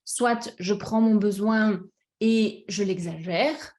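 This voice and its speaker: A woman's voice: medium pitch, takes it slowly, a little mellow. A woman coach giving a talk on emotions in French, speaking directly to her audience with frequent fillers and restarts. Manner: hesitant, many restarts and fillers; addresses audience directly, checks understanding. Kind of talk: conference talk, personal examples.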